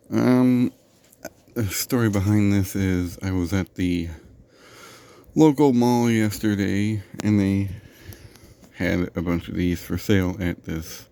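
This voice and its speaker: Slow, gravelly-voiced man unboxing a fan. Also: low voice, mellow. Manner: dry, sarcastic asides; rambling, with fillers and self-corrections. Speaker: host of a product unboxing show. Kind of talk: casual unboxing commentary.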